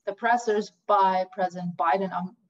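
Born and raised in Iran, a woman appears as a guest in a conversational interview, speaking at a moderate pace with a steady, medium-pitched voice. She hesitates, using many fillers and restarts, and the audio is dull and lo-fi.

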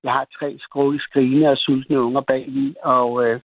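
A man's voice: mid-range voice, little pitch movement, no room sound. A man calling a radio show to tell a personal story, agitated and rambling, with many restarts and fillers. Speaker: caller. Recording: tinny phone line.

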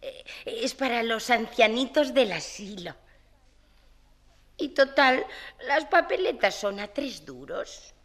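A woman's voice: fairly high pitch, sing-song, takes it slowly, exaggerated voice. An actress playing a prim, pious lady who politely sells charity raffle tickets, in a 1970s radio play. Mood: polite sweet. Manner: polite, sugary and proper. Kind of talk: 1970s radio drama acting.

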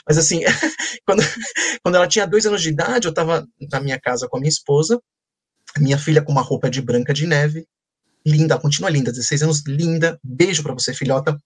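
A man, a children's book author, telling playful stories in an animated way during a conversation. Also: fairly high pitch, fast talker, breathy edge. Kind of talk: storytelling in a conversation.

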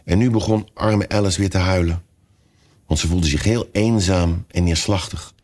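A man reading a children's story aloud as narrator, with expressive storytelling. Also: low-pitched, normal speed. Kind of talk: audiobook reading.

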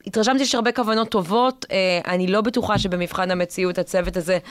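A woman's voice: mid-range voice, steady tone, dry recording. A woman with an Israeli accent hosting a current-affairs discussion and telling stories conversationally, with hesitant phrasing as she thinks aloud. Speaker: podcast host and journalist.

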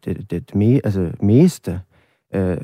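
A man from Germany with a German accent, an interview guest who works as a conductor, speaking in a measured way with fillers. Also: low-pitched, lively intonation, dark tone, no room sound, clean studio sound. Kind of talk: casual interview chat.

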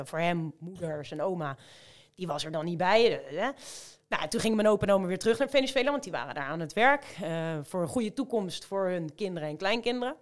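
Chatty woman telling stories. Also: on the low side. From Rotterdam, Netherlands. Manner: chatty, lots of fillers, lively storytelling. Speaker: guest, amateur marathon runner. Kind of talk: casual interview storytelling.

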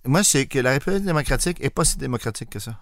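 A man's voice: lively intonation, very fast, fairly bright tone, no room sound. A man with a Quebec French accent co-hosting a casual quiz podcast, cracking jokes as he works out the answers. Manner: jokey, swoops in pitch. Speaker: podcast co-host.

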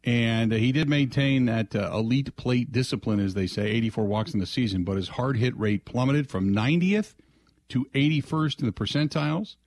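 A man's voice: medium pitch, normal speed, a little mellow, dry recording. An American man hosting sports talk radio, chatting casually in a folksy, conversational way and slipping into sponsor plugs. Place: dry radio studio. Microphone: close broadcast mic.

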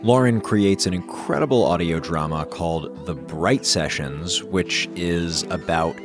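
A man's voice: deep voice, unhurried. A man hosting a vlog, narrating in a scripted, personal style. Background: clear music.

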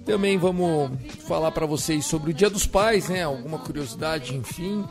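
A man's voice: a little high, normal speed, over music. A man with a Brazilian accent hosting a sports podcast in a casual presenting style. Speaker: podcast host.

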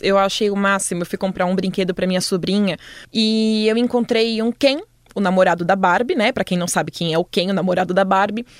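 A woman's voice: mid-range voice, steady tone, fairly quick, dry recording, clean studio sound. A woman with a Brazilian Portuguese accent, hosting an interview. She talks in a chatty way and asks long, winding questions. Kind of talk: conversational interview.

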